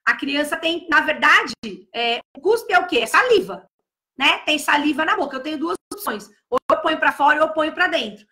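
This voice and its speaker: A woman giving casual advice to teachers, talking loudly and emphatically, repeating key words. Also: high-pitched, expressive, brisk. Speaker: early-childhood educator.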